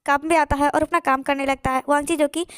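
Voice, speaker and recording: A woman retells a fan fiction story in a rushed, repetitive way. Her voice is high and quick, and the recording is close and dry with no room sound. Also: fairly even intonation, no echo.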